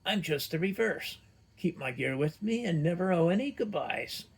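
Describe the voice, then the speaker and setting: A man's voice: fairly high pitch, animated, moderate pace, slightly rough, voice pushed up. A man putting on a mischievous woman rogue. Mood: sly. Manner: sly, sharp retorts. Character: mischievous quick-witted young woman rogue.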